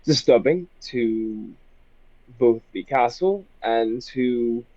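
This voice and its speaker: A man's voice: medium pitch, expressive, takes it slowly, mellow, no room sound. Man, group voice chat on a phone, muffled lo-fi sound, stiff formal officer roleplay. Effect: heard through group voice chat on a phone. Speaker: tabletop game player. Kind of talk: in-character roleplay and casual chat. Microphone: phone microphone. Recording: dull lo-fi voice chat audio, dry.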